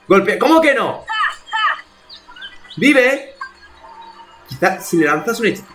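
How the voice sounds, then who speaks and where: A man's voice: high-pitched, big pitch swings, fast, over music. A man from streaming a video game live, talking to himself in exasperated bursts and swearing as he plays. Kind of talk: live gameplay commentary.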